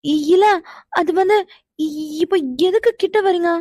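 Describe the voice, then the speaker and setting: A woman's voice: very high-pitched, a little slow, a little mellow, dry recording. A woman voicing a flustered young woman in a cartoon, stammering and jittery. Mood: nervous. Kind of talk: animated cartoon dialogue.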